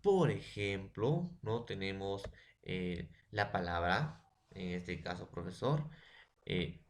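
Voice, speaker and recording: A man's voice: low-pitched, expressive, takes it slowly, slight background noise. A Peruvian man with a Peruvian Spanish accent, a secondary school language teacher giving a recorded lesson, who spells words out syllable by syllable and keeps checking understanding with tag questions. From Peru.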